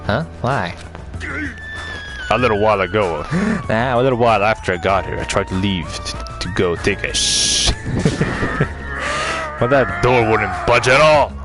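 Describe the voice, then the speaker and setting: A man's voice: fairly low pitch, lively intonation, measured pace. A man plays a game and reads its dialogue aloud, often laughing and correcting himself, with a dry mouth. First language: Swedish. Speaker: gaming YouTuber. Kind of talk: let's play, reading game dialogue aloud. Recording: game music behind.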